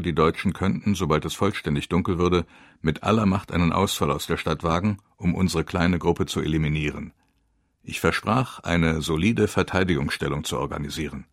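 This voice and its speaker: A man giving grave, measured first-person narration of a war memoir. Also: deep voice, dry recording, clean studio sound.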